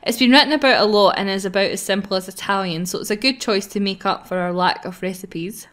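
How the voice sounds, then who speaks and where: A woman hosts a gaming video, reading visual novel lines aloud in a casual, playful way while giggling and poking fun at herself. Her mid-range voice is fairly bright and quick-paced.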